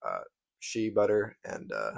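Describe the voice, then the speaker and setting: A young man co-hosting a casual podcast chat, agreeable and quick to laugh. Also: fairly low pitch, very animated, creaky. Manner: easygoing, agreeable, giggles. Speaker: podcast co-host.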